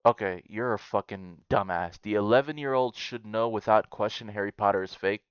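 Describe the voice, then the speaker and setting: Blunt, profane man with a smooth voice. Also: on the low side, brisk, dry recording, muffled recording. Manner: profane, blunt, with loud outbursts. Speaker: YouTuber reacting to Reddit posts. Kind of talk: casual reaction commentary.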